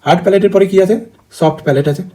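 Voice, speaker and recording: A male teacher giving a lesson in a brisk way, asking and answering his own questions and checking in with his students again and again. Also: high-pitched, dark tone. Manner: repeats key terms, checks in with "okay?". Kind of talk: online lesson.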